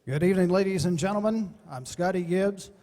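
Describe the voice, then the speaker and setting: A man competing as an auctioneer, introducing items and calling bids in a rapid rhythmic chant. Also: high-pitched, dark tone. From Texas. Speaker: auctioneer contestant. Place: large event hall. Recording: long hall reverb.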